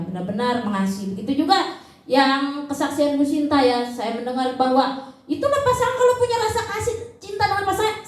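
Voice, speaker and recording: A woman giving a church testimony in a chatty way, full of fillers and acted-out quotes. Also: high voice. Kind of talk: sermon testimony. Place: church service hall. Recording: echoey church hall.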